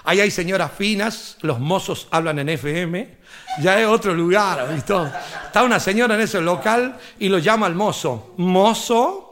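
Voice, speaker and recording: A man from northern Argentina with a northern Argentine accent, telling drunk jokes as a stand-up comedian in a chatty, animated way. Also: sits high, normal speed. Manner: animated storyteller, chatty asides.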